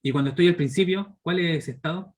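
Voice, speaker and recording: A fast-talking man in his thirties with a fairly high, slightly mellow voice and a Chilean Spanish accent teaches a live online programming class. As a university teacher, he explains step by step and keeps checking in with students through constant tag questions, with slight background noise audible.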